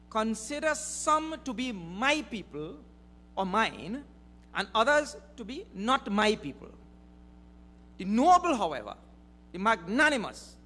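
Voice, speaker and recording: A man giving a spiritual discourse at a mission gathering, slow and deliberate, stressing key words. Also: high voice, a bit bright. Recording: reverberant hall with faint hum.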